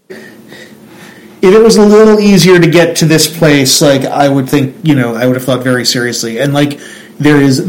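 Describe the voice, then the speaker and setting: A man's voice: medium pitch, darkish tone, rough recording. A young man from Central New Jersey in a casual chat, talking in a rambling way with many restarts. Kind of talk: casual conversation.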